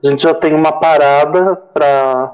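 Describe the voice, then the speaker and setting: A man's voice: on the high side, steady tone, measured pace, dull audio, a crowd in the background. A man hosting a podcast in a playful, joking casual chat. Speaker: podcast host.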